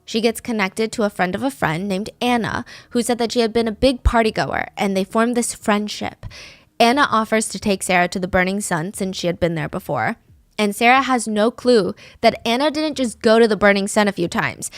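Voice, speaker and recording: A woman narrates a true crime case in a relaxed, chatty way, with a voice that sits somewhat high. She shifts into little character voices whenever she quotes someone. The sound is close and dry. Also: no room sound. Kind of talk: casual true crime storytelling.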